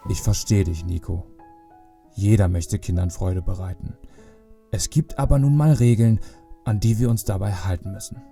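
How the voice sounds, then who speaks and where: A man's voice: fairly low pitch, normal speed, creaky, mellow, soft background music. A man playing a jolly, kindly old Santa Claus in a children's Christmas audio play, speaking in a benevolent, fatherly way. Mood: gently solemn.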